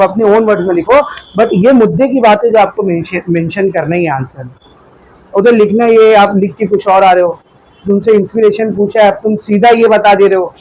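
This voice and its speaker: A man's voice: high voice, a little mellow, rough recording. A male biology teacher giving a classroom lecture in a mix, asking questions and having the class answer back. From India. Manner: drills students with call-and-response questions.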